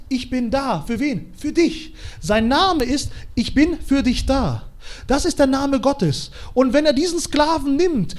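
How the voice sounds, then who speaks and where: Guy preaching, high voice that jumps all over, super animated and slangy. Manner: animated, colloquial, shifts between quiet and loud. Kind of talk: sermon.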